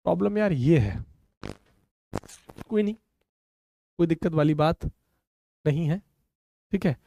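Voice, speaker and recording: A man's voice: a little high, lively intonation, measured pace, creaky, warm tone, dry recording. A man teaching a physics class online, calling students "beta" and explaining step by step in a conversational way.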